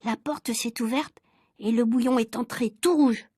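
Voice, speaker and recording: Woman, storybook read-aloud, clear and measured, high voice, dry close sound. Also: no room sound. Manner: clear, measured, expressive reading. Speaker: reader.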